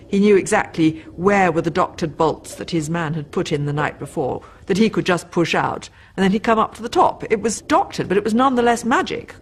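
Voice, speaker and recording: A woman's voice: medium pitch, slight background noise. Emphatic woman explaining magic. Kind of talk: documentary interview.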